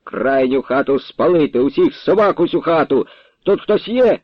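A male reader doing a haughty, cruel nobleman from an old radio story. His voice sits well above the narrator's, loud and commanding. The take sounds dull and dry, like an old radio broadcast. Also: a little high, lively intonation, normal speed, no echo, voice pushed up. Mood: furious. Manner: imperious, barking orders. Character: arrogant cruel aristocratic count, man.

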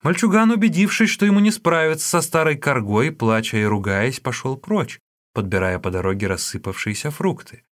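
Expressive male audiobook narrator. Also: medium pitch, normal speed. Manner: expressive storytelling. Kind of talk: scripted narration of a classic tale.

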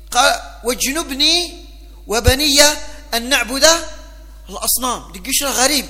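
A man's voice: very high-pitched, pushed and bright. A man with a North African accent teaching a religious lesson as a mosque preacher, switching between Arabic and local vernacular. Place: large mosque hall. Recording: long hall reverb.

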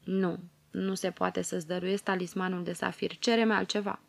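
A woman's voice: fairly low pitch, flat delivery, gravelly, no echo. A woman voicing a regal fairy queen in a storybook reading, speaking in a grave, solemn tone.

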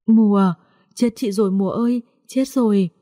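A woman's voice: medium pitch, moderate pace, warm tone, no echo, clean studio sound, natural voice. A woman voicing a timid young pregnant servant woman who sobs and pleads. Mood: tearful pleading. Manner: sobbing, pleading.

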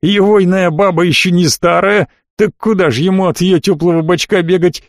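A folksy, sly provincial cabbie, all rustic turns of phrase and eager-to-please fawning, put on by a male narrator. The voice sits noticeably high and a little loud. It is recorded dry and close, with no room around it. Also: fairly even intonation, moderate pace, dry recording. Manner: rustic folksy speech, obsequious. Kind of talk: audiobook character voice.

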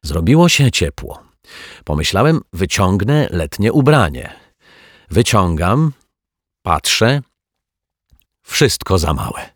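A man's voice: big pitch swings, slow pace, pauses often, slightly rough, no echo, clean studio sound, full character voice. A man voicing a nervous, flustered middle-aged male caretaker who talks in a fretful, pleading way. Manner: fretful, pleading, higher pitched.

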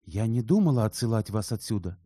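A man voicing an excitable, touchy young male sculptor in an audiobook, with heated, shrill outbursts. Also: brisk, slightly rough, dry recording, studio quality. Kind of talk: audiobook character reading.

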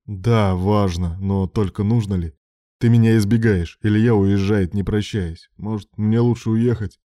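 An insecure, passionate young male patient, as a male narrator puts him on, sounding hurt and insistent. The voice stays low and dark, close to the reader's own, in a dry recording. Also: fairly even intonation, measured pace, dry recording, natural voice. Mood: bitter.

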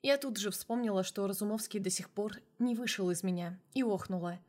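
A woman's voice: mid-range voice, a little fast, darkish tone. A woman narrating a first-person romance audiobook in a wry, dry tone.

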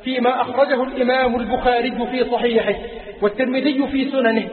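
A man's voice: extremely high pitch, level tone, fast. A man with an Egyptian accent preaching an impassioned Friday sermon in a mosque, chanting and repeating phrases. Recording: echoey hall, tinny lo-fi.

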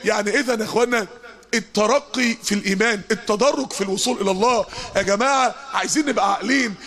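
A man with an Egyptian Arabic accent delivers an impassioned sermon at a quick clip. His voice sits very high for a man, and he drives his points home with emphatic force. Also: a bit bright. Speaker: preacher.

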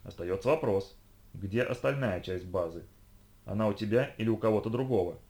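Male narrator as icy young woman interrogator, commanding, low pitched. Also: brisk, darkish tone, natural voice. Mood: cold reasoning.

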